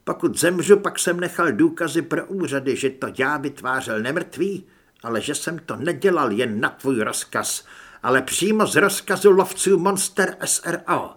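A man's voice: on the high side, animated, a bit bright. A man playing a fanatical chubby occultist. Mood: menacing. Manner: whining and pleading when scared.

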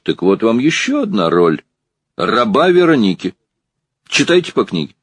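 A man voicing a fussy, pompous stage director who lectures loudly. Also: very animated, normal speed, breathy edge, no echo. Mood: brisk. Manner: shrill, lecturing, theatrical.

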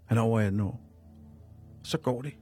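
A man with a lowish, dark voice that has a breathy edge tells a personal story as a radio guest. He rambles and repeats himself, leaning heavily on fillers, while soft music plays in the background.

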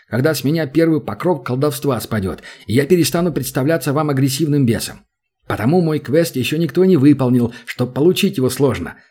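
A male audiobook reader voices a scheming imp pretending to be a prince. His husky voice hesitates and stalls before sliding into a salesman's patter. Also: fairly high pitch, a little mellow.

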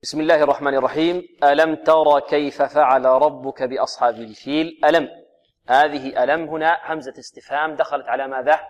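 A man teaching Quran recitation rules on a radio lesson. He recites verses slowly and explains by asking questions and answering them himself. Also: on the high side, fairly even intonation, lo-fi sound. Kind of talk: tajweed lesson on a radio program.

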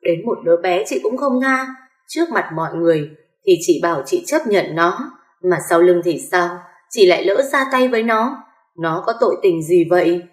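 A woman voicing a shrill, accusing older mother-in-law in an echoey room. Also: animated, a little fast, close to an everyday voice.

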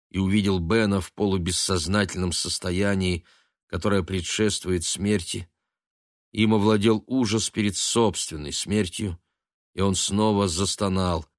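A man reading literary prose as an audiobook narrator, measured and steady. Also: deep voice, no room sound, clean studio sound.

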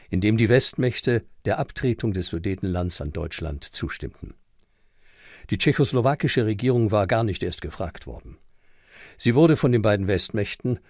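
A man's voice: on the low side, a little mellow, no echo, clean studio sound. A man reading scripted historical documentary narration.

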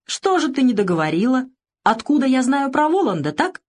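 A woman's voice: high-pitched, very animated, brisk, pitched above the performer's own voice. A woman reading the lines of a curt, angry young man, a former soldier, in an audiobook. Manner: curt, gruff.

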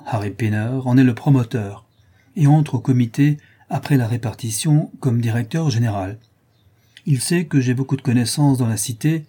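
A man voicing a quick-talking, smooth middle-aged financial agent who flatters as he persuades, in an audiobook. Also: medium pitch, natural voice. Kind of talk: audiobook character voice.

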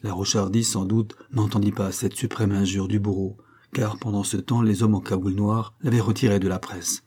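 Male narrator with a low, dark, husky voice, for measured dramatic novel reading. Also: flat delivery. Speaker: audiobook narrator. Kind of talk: scripted narration.

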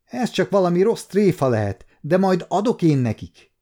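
Fierce old servant woman, as a male narrator puts her on, shrill, high-pitched, mellow-toned, audiobook. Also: big pitch swings. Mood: furious. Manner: shrill, shouting.

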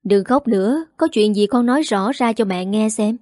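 A woman voicing a gentle elderly mother-in-law who soothes and coaxes in a storybook. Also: medium pitch, normal speed, no echo, studio quality, close to an everyday voice. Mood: soothing. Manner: soothing, coaxing.

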